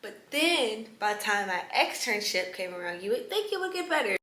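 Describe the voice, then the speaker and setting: A young woman in her late teens telling her story in a casual, chatty vlog, animated and prone to whispered asides. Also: mid-range voice, normal speed. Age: young adult. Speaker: vlogger. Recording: echoey room with faint ambience.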